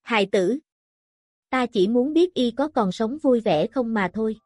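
A woman's voice: on the high side, expressive, a little slow, a little mellow, dry recording, studio quality. A woman voicing a blind, broken old male prisoner who speaks with sorrow and regret. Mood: grieving. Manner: sorrowful, sighing.

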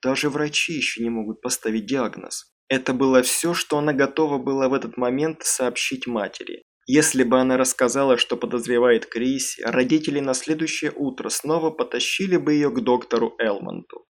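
Male audiobook narrator, measured, mid-pitched. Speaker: audiobook reader.

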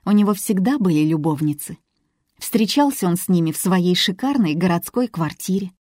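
Woman doing a defensive young woman, higher, earnest, dry sound. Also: lively intonation, moderate pace, a little mellow, dry recording.

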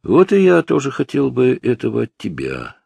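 A man with a low, gravelly voice playing a patient police detective who questions a suspect steadily. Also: huge pitch swings, normal speed, darkish tone, dry recording, exaggerated voice.

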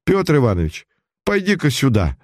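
A man reading the lines of a middle-aged mother in a storybook, in a low, soothing tone. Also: huge pitch swings, moderate pace, darkish tone, dry recording, studio quality. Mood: bewildered. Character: middle-aged mother, calm then bewildered.

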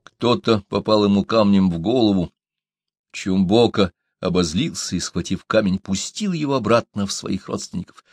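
A man narrating a novel in a dramatic, expressive reading. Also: fairly low pitch, normal speed, breathy edge, dry recording, studio quality. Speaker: audiobook narrator. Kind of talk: scripted narration.

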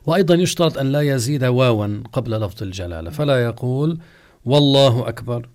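A man teaching Islamic law at a deliberate pace. His voice sits at an ordinary middle pitch. He stretches out the words he uses as examples so the listener can hear the error he warns against. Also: expressive, darkish tone. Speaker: Islamic scholar teaching jurisprudence. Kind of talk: religious lesson, question-and-answer.

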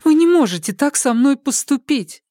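A man's voice: extremely high pitch, moderate pace, a little mellow, no echo, clean studio sound, pitched above the performer's own voice. A man voicing an anxious, impulsive young woman who keeps pleading and asking questions in an audiobook.

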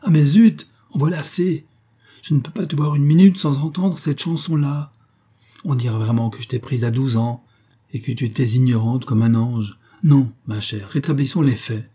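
A man's voice: medium pitch, moderate pace, slightly rough, natural voice. A man reading an audiobook, voicing a brutal, contemptuous young man who answers his mistress curtly and scornfully. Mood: angry, scornful. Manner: curt, scornful, raised and sharp when angry. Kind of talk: audiobook character voice.

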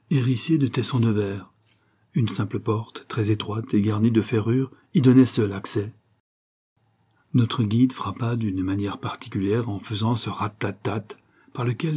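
Guy reading an audiobook, measured and steady, husky low-key voice. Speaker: audiobook narrator. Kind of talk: scripted audiobook narration.

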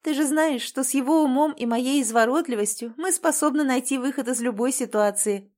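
A woman's voice: high-pitched, a little fast, darkish tone, pitched above the performer's own voice, close to an everyday voice. A woman voicing a wry, evasive young woman who dodges hard questions, in an audiobook. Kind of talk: audiobook character voice.

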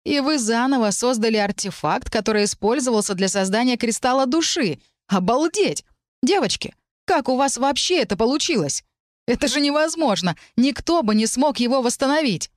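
A woman voicing Elisar, an excitable young man. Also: on the high side, moderate pace, no echo, studio quality, pitched above the performer's own voice, lightly acted. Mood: astonished. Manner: exclamatory, astonished.

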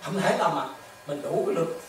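A Buddhist monk giving a dharma talk to lay followers, with repetitive, animated storytelling and rhetorical questions. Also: mid-range voice, fairly quick, slight background noise. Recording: echoey hall, distant mic, faint ambience.

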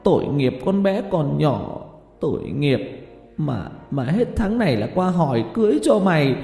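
A man's voice: a little high, big pitch swings, normal speed, vocal fry, warm tone, voice pushed up. A man voicing a tearful old market woman who urges her son on while weeping, in a reverberant recording with faint music. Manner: pleading, weeping.

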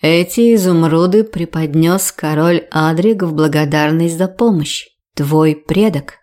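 A woman voicing a proud, tender king in a storybook reading, speaking calmly and with weight. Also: low-pitched, unhurried, voice pushed down. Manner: calm, weighty, teasing. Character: proud tender young-looking male king.

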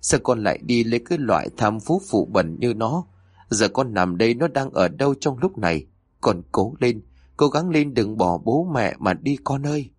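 A man's voice: mid-range voice, very animated, moderate pace, a little mellow, husky, no echo, clean studio sound, voice pushed up. A man voicing a grieving older mother who wails and scolds through her sorrow. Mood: wailing. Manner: wailing, scolding.

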